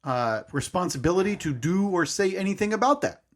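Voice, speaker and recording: A man in his thirties co-hosts a podcast, telling a story in a rambling, hesitant way and often correcting himself during the casual chat. His high voice has lively intonation and a brisk pace.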